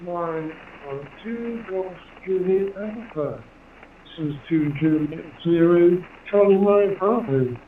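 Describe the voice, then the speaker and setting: Heard over a two-way radio transmission, a man from Jersey in the Channel Islands makes a casual ham contact, spelling call signs phonetically. He has a high-pitched voice and a slow pace; the distant mic picks up a roomy sound, and the tinny handheld signal through a repeater carries faint hiss.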